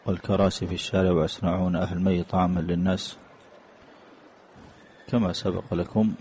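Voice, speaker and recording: A man giving a religious lesson in a large mosque, reading out questions and then explaining each one deliberately. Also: low voice, flat delivery, a little mellow, a little hiss or hum, rough recording. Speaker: mosque teacher answering questions.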